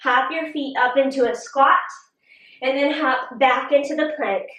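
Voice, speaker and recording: Here the instructor sounds high and a bit bright, her tone steady and her pace a little slow as she leads the workout video. Breathless and encouraging, she slips breathy exclamations between her cues. The mic sits far off, leaving a roomy echo.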